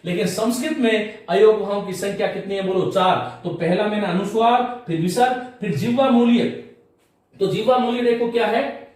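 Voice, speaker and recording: Echoey high-voiced man teaching Sanskrit. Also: recorded from a distance. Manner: explains slowly, repeats terms, quizzes the students; chants declension tables in a sing-song. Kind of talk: classroom lecture. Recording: very echoey room, off-mic.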